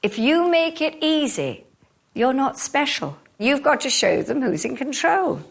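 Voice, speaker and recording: A woman giving firm instruction as an etiquette teacher. She enunciates primly and precisely, making her points in short, emphatic statements at a middling pitch. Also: sing-song, unhurried, gravelly. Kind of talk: classroom instruction.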